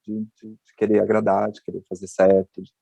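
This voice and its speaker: Apresentador catarinense falante, tom suave, gagueja e recomeça as frases. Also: male voice, fairly low pitch, monotone, brisk, vocal fry, dark tone, breathy edge, no room sound. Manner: chatty, hesitant restarts. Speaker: podcast host. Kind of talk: casual storytelling chat.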